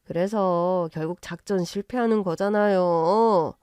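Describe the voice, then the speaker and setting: A woman's voice: lowish voice, a little slow, a little mellow, clean tone, dry recording, studio quality, natural voice. A woman voicing a cool, sarcastic creditor who talks dryly. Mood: sharp.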